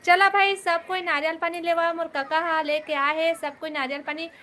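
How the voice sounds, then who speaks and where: A woman's voice: extremely high pitch, little pitch movement, normal speed, sharp tone, a little hiss or hum. A woman with a Chhattisgarhi accent chatting casually on a live stream, greeting viewers by name and coaxing them to stay. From Chhattisgarh, India.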